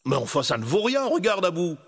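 A man voicing an excitable poor young hero in a storybook reading, in an eager, exclamatory manner. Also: high voice, brisk, in a large hall, background noise, pitched above the performer's own voice. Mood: excited.

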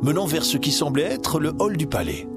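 A man narrating a storybook in an expressive, animated way. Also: on the high side, brisk. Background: music.

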